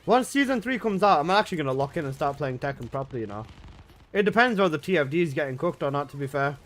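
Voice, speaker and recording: A young man banters with his live chat while he plays. His slangy, laid-back talk sits in a slightly higher register, and he is recorded from his room at home. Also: expressive, quick pace. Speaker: gaming livestreamer. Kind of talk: casual live-stream chat.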